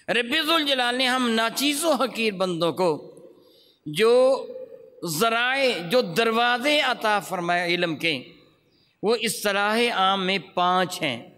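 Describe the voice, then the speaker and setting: High, bright-voiced male Quran teacher. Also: in a large hall. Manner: chants example verses slowly, quizzes the class. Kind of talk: classroom religious lesson on recitation.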